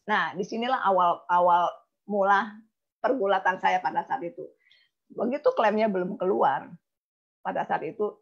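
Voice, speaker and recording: Woman speaker, gravelly and husky, emotional storytelling, dull lo-fi recording. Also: mid-range voice. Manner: emotional, acts out quoted dialogue. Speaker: insurance agent giving a talk. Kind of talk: personal storytelling talk.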